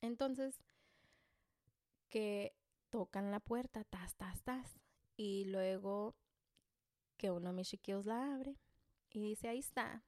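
Animated Mexican woman telling a story. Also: medium pitch, slow pace, pauses often, no echo, studio quality. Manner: animated, joking, self-deprecating, slangy. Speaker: mother telling a personal story. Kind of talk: casual storytelling to camera.

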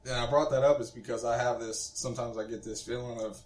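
A fast-talking man in his twenties with a medium-pitched, darkish voice and a steady tone co-hosts a casual podcast. He rambles, uses lots of fillers, and laughs easily, and the room has noticeable echo.

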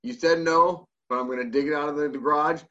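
Bright, forceful American man, slightly lo-fi. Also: a little high, fairly even intonation, fast. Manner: joking, irreverent. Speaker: podcast co-host. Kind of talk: casual banter.

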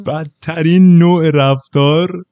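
A man's voice: a little high, steady tone, a little mellow, dry recording, highs cut off. A man, co-hosting a podcast, telling a long anecdote in casual chat and slipping in English loanwords. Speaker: podcast co-host.

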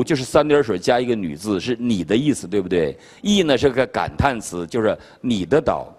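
An older man from China preaching a sermon at a conference, telling stories with humor in an animated way. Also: medium pitch. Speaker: pastor. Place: conference hall. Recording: reverberant hall.

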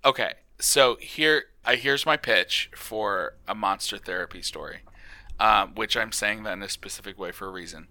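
Rambling man with a very bright voice. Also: fairly low pitch, dry recording. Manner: rambling, self-amused, trails off. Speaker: podcast guest. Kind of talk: casual comedy chat.

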